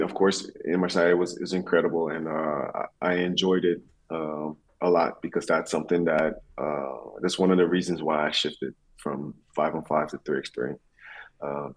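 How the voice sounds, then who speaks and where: A man, an athlete, answering interview questions conversationally with halting, reflective phrasing. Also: extremely low pitch.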